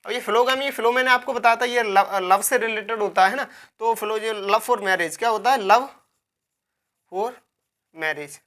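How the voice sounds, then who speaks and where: A woman's voice: on the high side, fairly even intonation, moderate pace, few pauses, a bit bright. A woman teaching a vocabulary lecture, repeating key words, asking herself questions and spelling words out letter by letter.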